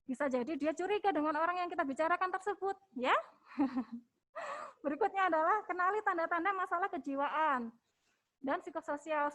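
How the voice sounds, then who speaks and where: High-voiced woman coaching parents. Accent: Indonesian. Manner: gentle, coaxing, ends phrases with "ya". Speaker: hospital health educator. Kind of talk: webinar talk for parents.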